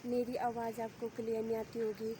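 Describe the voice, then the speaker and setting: A young woman with a Himachali accent, chatting softly and quietly in a casual vlog, recorded outdoors on a phone with no mic. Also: a little high, monotone, fairly quick, noisy background. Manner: soft-spoken, quiet voice. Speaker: vlogger. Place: outdoors at home, village. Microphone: phone camera, no mic.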